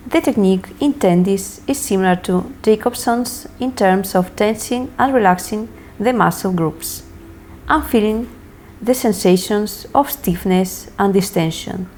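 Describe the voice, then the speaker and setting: A woman instructor reading scripted lesson narration in a measured, deliberate way, setting out each step separately. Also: medium pitch, darkish tone, a little hiss or hum. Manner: measured, deliberate, enunciating list items one by one. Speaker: hypnosis course instructor.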